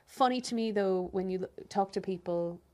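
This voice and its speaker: Woman, Irish accent, medium pitch, podcast host, conversational interviewing. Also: moderate pace, darkish tone.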